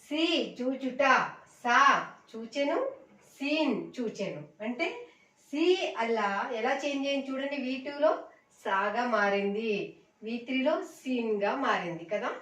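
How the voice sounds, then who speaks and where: A woman's voice: fairly high pitch, a little slow, far from the mic. Woman chanting vocabulary drills in an echoey room. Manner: recites word lists in a repetitive chant, addresses viewers as friends. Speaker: English teacher. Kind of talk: slow drilled vocabulary lesson.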